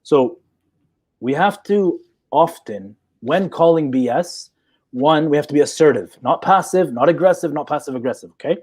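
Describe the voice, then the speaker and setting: A man's voice: on the high side, lively intonation, moderate pace, a little mellow, husky. A man in his forties, a psychologist in a live chat, talking assertively and checking in with "okay?" as he explains. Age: 40s. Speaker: guest psychologist.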